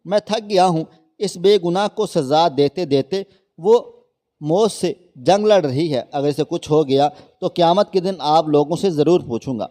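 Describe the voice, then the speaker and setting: A man's voice: a little high, dark tone, long reverb tail, natural voice. A man voicing a remorseful, devoted young husband in a storybook reading, speaking with passion. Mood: reproachful. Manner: impassioned, reproachful. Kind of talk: storybook narration.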